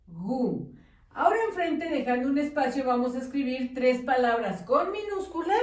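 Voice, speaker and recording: Slow, patient woman teacher in echoey room. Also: fairly high pitch. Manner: patient, slow, syllable-by-syllable dictation with check-in questions. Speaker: primary school teacher. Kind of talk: slow handwriting lesson for young children. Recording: echoey room, distant mic.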